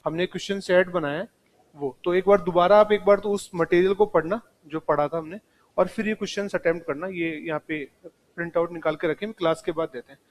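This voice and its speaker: A man's voice: sits high, fairly even intonation, brisk. A man teaching a live classroom lecture, speaking straight to his students and mixing in English terms.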